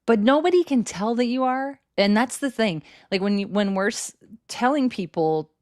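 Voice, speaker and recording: A woman's voice: a little high, expressive, normal speed, darkish tone, no room sound, clean studio sound. A woman co-hosting a live selling stream who demos microphones in an upbeat, chatty way. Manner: upbeat, salesy, laughs often. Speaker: co-host demoing microphones.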